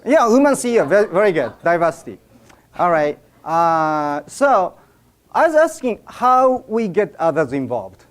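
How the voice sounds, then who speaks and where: A man's voice: sits high, sing-song, moderate pace. A man with a Japanese accent, a native Japanese speaker, giving a joking seminar talk and directing a live audience.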